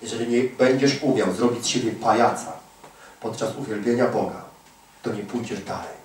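A man's voice: lowish voice, moderate pace, a little mellow. Male preacher, fervent emphatic sermon, recorded from afar in a reverberant hall, faint room noise. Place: large echoey prayer hall. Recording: echoey hall recording from far off.

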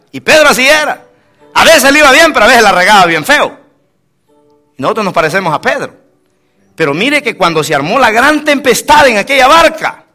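A man preaching a lively sermon as pastor, mixing jokes and stories, calling out to listeners as brother and dropping into quieter asides. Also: sits high.

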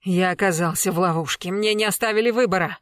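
A reader voicing a cornered middle-aged man accused of murder, pleading and shouting denials in an audiobook. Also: medium pitch, fast talker, dry recording, natural voice. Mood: desperate. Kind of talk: audiobook character reading.

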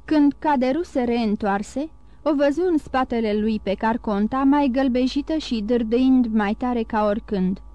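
Audiobook narrator: woman, fairly high but mellow voice, steady clear reading, dry close recording. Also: no echo, muffled recording. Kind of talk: scripted narration of a novel.

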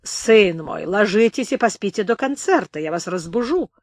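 A woman's voice: mid-range voice, animated, normal speed, a little mellow, dry recording, clean studio sound. A woman voicing a voluble, theatrical male officer who declaims with pathos in an audiobook. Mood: declaiming. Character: voluble, bombastic middle-aged male officer.

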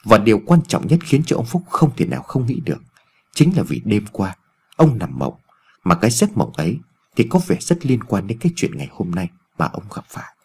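A man narrating a ghost story in an expressive storytelling reading. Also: on the low side, a little fast, breathy edge.

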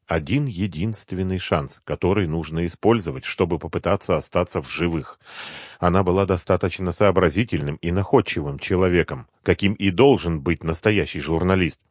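Deep-voiced man reading a story. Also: husky, dry recording, clean studio sound. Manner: steady, measured storytelling. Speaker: audiobook narrator. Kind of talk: scripted narration.

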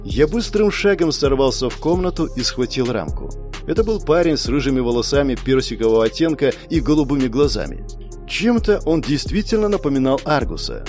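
Expressive male audiobook narrator. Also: medium pitch, fairly quick, soft background music. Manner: emotional, expressive first-person storytelling.

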